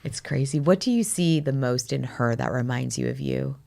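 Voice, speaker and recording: A woman's voice: very deep voice, normal speed, creaky, mellow. A woman in her forties hosting a podcast, asking questions in a casual, swearing, chatty way. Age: 40s. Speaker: podcast host. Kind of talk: casual interview chat.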